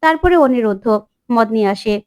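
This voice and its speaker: Animated and fairly quick, a woman with a slightly high, smooth voice narrates a TV serial episode like a story. Each character's lines are hers to read, in subtly shifted voices, and the studio recording is clean with no room sound.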